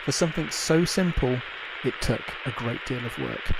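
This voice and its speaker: With ambient music loud in the background, a hobbyist developer hosts a casual livestream demonstration. He thinks aloud unscripted and frequently repeats phrases, his gravelly, mid-range voice swinging hugely in pitch at normal speed.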